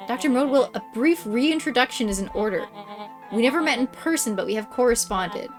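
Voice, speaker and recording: A woman voicing a pompous villain mastermind in a boy's body for a story game, with slow, theatrical, condescending menace. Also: on the high side, expressive, music in the background, natural voice. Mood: grandiose menace. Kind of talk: voiced reading of story game dialogue.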